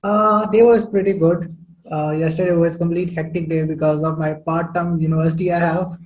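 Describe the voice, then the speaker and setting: A man's voice: a little high, level tone, normal speed, rough recording. A young man from Saudi Arabia, a podcast guest telling his story in casual chat with many fillers.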